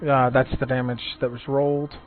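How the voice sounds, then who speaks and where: A man's voice: medium pitch, flat delivery, a little fast. A man narrating a tabletop game as game master, describing the scene in a loose, storytelling way with frequent restarts. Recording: phone-like audio with faint music.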